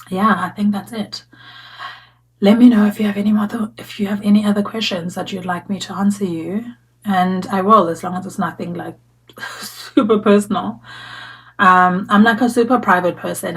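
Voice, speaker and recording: A South African woman in her 30s sits at home chatting reflectively to the camera for a casual get-to-know-me vlog, full of fillers and restarts. Her voice is fairly low in pitch, and the recording quality is poor.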